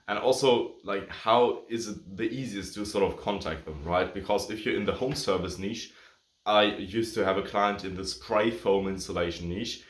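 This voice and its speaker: A man's voice: on the low side, normal speed, roomy sound. A man whose first language is German, giving casual advice to agency owners, a bit out of breath, rambling with lots of fillers and self-corrections. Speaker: agency coach. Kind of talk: casual talking-head advice video.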